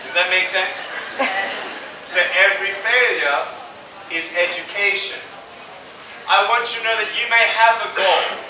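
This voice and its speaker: A motivational speaker addressing students in a university lecture hall, telling stories and asking rhetorical questions. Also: male voice, high voice, unhurried, pauses often. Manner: animated storytelling with rhetorical questions. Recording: echoey hall recorded from far off with noise.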